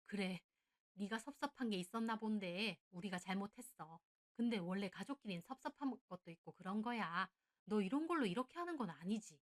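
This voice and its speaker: A woman voicing a scheming, grasping middle-aged mother-in-law who turns shrill and scolding. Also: animated, a little fast, lightly acted. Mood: placating.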